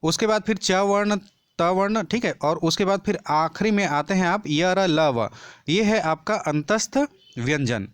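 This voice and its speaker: A man teaching an exam-prep lesson, explaining step by step, checking in often and repeating key terms slowly for emphasis. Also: high-pitched, clear, resonant tone, no echo. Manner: explains step by step with frequent "ठीक है" check-ins.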